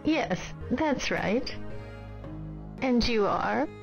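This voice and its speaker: Video game role: polite elderly female shopkeeper, gentle and slow-spoken, gravelly edge. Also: a little high, animated, exaggerated voice. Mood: polite, grateful. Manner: polite, measured, deliberate. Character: gentle, courteous elderly grandmother running a china shop. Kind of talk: scripted video game dialogue. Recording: dull, compressed game audio. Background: clear background music.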